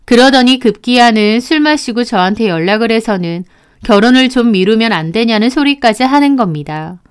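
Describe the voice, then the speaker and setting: A woman narrates a scripted first-person story in an even, steady storytelling voice. Her voice is smooth and clear and sits a little high. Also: normal speed.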